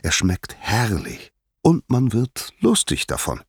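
Sly jolly wine god a man puts on, cheerful and coaxing, lively lilt, husky. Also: lowish voice, takes it slowly, dry recording, clean studio sound, voice pushed up, full character voice. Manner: cheerful, coaxing, mock-indignant.

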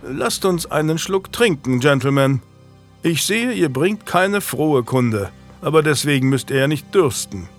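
A man's voice: a little high, lively intonation, a little slow, faint music behind, voice pushed up. A man reading an audiobook, voicing a proud, wary young king with a clipped, commanding delivery. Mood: courtly. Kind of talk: audiobook character voice.

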